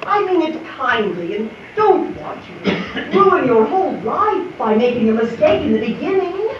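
A woman's voice: high voice, very animated, normal speed. A woman playing a haughty, wealthy old aunt in a stage play, scolding and admonishing with emphatic delivery. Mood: urging. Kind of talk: live stage play acting. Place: theatre in the round, far camera, audience around. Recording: muffled, noisy camcorder in echoey theatre, distant.

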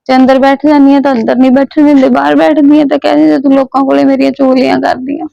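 A woman's voice: high-pitched, little pitch movement, fast, gravelly, mellow, dry recording, muffled recording. A young woman playing a sad, mistreated orphan girl who speaks meekly. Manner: meek, tearful. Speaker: niece.

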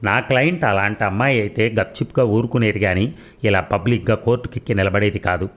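A man's voice: fairly low pitch, fairly quick, lightly acted. A man voicing an indignant prosecutor in a courtroom story, objecting insistently.

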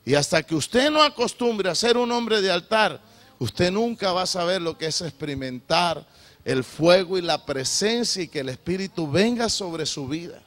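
A middle-aged man preaching a sermon, swinging from loud shouted appeals to low, confessional testimony. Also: lively intonation, normal speed.

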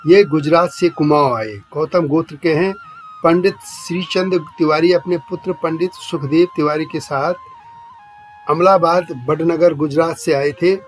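A male journalist giving a scripted documentary narration, reading out long lists of names and places in a measured way. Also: a little high. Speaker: journalist narrating a channel's history series.

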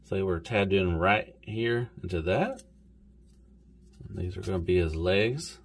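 Man, Southern US accent, lowish voice, casual toy review, rambling, folksy. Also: lively intonation, unhurried, slight background noise. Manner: easygoing, rambling, says "golly" and "y'all".

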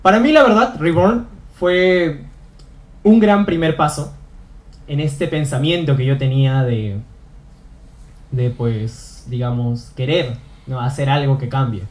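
A man's voice: medium pitch, takes it slowly. A young man giving an earnest motivational talk on stage, repeating phrases for emphasis. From Peru. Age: young adult. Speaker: student speaker. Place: auditorium stage.

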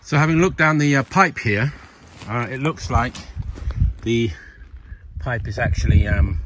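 Holding a phone at arm's length, a man in his fifties gives an informal, wry narrated tour of an old farm he's restoring, explaining as he goes. His voice sits at medium pitch. He moves between the farmland outdoors and a stone barn, with clear background noise and clicks in the recording.

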